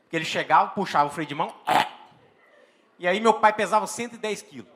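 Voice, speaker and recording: A Brazilian man with a Brazilian Portuguese accent performs stand-up on a live stage, telling an animated story full of exaggerated exclamations and acted-out scenes. His voice is high-pitched and he talks fast. Faint audience laughter can be heard behind him.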